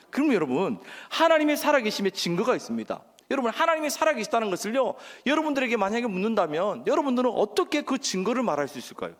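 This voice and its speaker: A male pastor from the region, preaching a sermon and leading call-and-response with the congregation. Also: high-pitched. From Gyeongsang region, Korea. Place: church sanctuary. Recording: church hall reverb.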